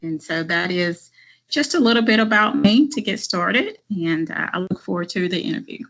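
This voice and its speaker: A middle-aged woman from Arkansas speaking in a formal interview over a video call. Her voice is bright and forceful, pitched a little low, and she talks in an earnest, measured way with frequent ums. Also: expressive, poor audio. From Arkansas, USA. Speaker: job candidate.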